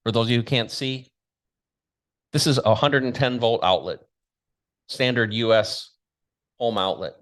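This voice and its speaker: A man's voice: medium pitch, unhurried, pauses often. A man hosting a talk show, speaking straight to his audience in a blunt, combative, emphatic way. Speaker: show host and commentator. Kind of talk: opinionated monologue to an audience.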